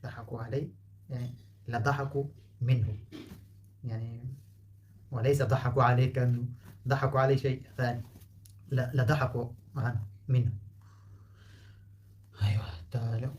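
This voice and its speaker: A man whose first language is Pashto gives a relaxed spoken lesson, patiently explaining and repeating words to show how they are pronounced. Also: medium pitch, normal speed, pauses often, a little hiss or hum. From Afghanistan. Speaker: language teacher.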